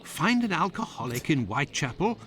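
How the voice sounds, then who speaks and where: A man's voice: on the high side, very animated, fairly quick, a bit bright, a little hiss or hum. A man playing an earnest, proper Victorian doctor with a British accent in a video game. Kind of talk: video game character acting.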